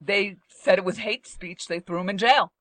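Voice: mid-range voice, normal speed, a bit bright, no room sound, rough recording. A co-host on a talk radio show, bantering casually and teasing in a gossipy way.

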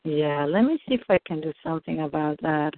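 A woman's voice: low-pitched, lively intonation, brisk, no echo. A woman heard over the phone, helpfully arranging a meeting time with many hesitant fillers. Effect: heard over a phone line. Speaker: appointment scheduler. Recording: tinny phone line, dry.

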